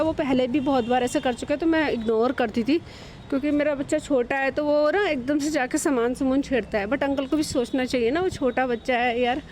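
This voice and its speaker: A woman in her thirties shares a personal devotional testimony in a high voice. She talks in a chatty, halting way, full of fillers and restarts. Faint background noise runs under the recording. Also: darkish tone. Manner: chatty, hesitant, many fillers. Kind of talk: casual spoken testimony.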